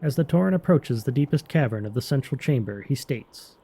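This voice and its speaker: A man's voice: medium pitch, expressive, brisk, mellow, husky. A man narrating scripted fantasy game lore as a storyteller.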